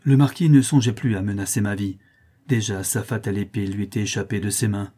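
A man's voice: on the low side, steady tone, fairly quick, dark tone, husky. A man reading an old French novel aloud in the first person, with an impassioned dramatic delivery. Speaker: audiobook narrator. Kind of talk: literary first-person narration.

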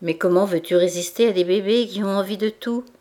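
A woman reading the part of an exasperated, chatty bourgeois mother in a storybook reading, complaining with animated indignation. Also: mid-range voice, brisk, close to an everyday voice. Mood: indignant.

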